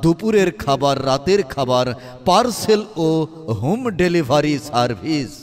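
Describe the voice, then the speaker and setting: A man gives an upbeat, inviting promotional announcement over a loudspeaker. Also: very animated, a little slow, long reverb tail, faint music behind. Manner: upbeat inviting sales pitch. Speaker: advertisement announcer.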